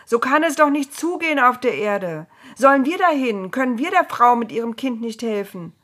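Woman doing angels, high, loud, pleading, breathy. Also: sing-song, moderate pace. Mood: urgent. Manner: urgent, high and loud calls. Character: group of anxious pleading angels.

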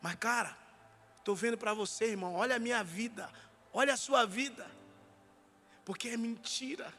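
A man's voice: very high-pitched, normal speed, long reverb tail, faint music behind. A man preaching a sermon in a church, telling stories animatedly and acting out the dialogue. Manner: animated, acts out dialogue, sometimes shouts. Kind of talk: sermon with storytelling.

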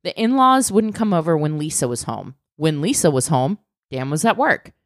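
A woman's voice: low-pitched, moderate pace, no echo, clean studio sound. A woman co-hosting a casual podcast, telling a true crime story with lots of "like" and the odd swear word. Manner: animated, swearing, fillers like "like".

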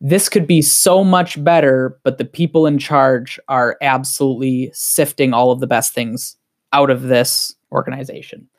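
A man with a Wisconsin accent, a guest on a casual podcast, talking in an excited, heated, rambling way. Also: mid-range voice, normal speed.

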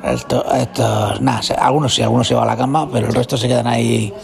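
Guy from riffing on a reality show, gravelly voice, teasing, bit of music low in the back. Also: steady tone, fast, darkish tone. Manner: jokey, teasing, often repeats himself. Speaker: co-host commenting on a reality show. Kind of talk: casual comedic commentary.

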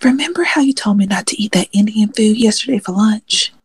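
A woman's voice: on the low side, fairly quick, slightly rough, dry recording. A woman playing a frank, nervous young woman. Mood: whispering. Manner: blunt, self-talking, whispers on the phone. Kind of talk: audio drama inner monologue.

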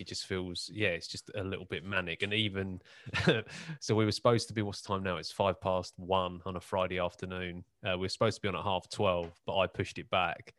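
A man's voice: low-pitched, a bit bright, dry recording. A man hosting a casual podcast, joking and self-deprecating, laughing often as he chats. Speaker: podcast host. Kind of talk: casual chat.

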